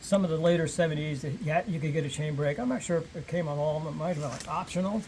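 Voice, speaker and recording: Man with a thin, squeaky, reedy voice. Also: darkish tone, a little hiss or hum. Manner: rambling, halting, thinks aloud. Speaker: vintage chainsaw hobbyist explaining features. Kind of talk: casual, unscripted explaining and chat.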